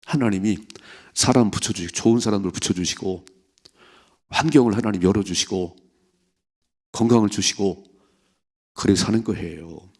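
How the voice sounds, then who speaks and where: A man's voice: fairly low pitch, moderate pace, pauses often, darkish tone. A male pastor giving an emphatic sermon at an early morning prayer service, exhorting the congregation with rhetorical questions.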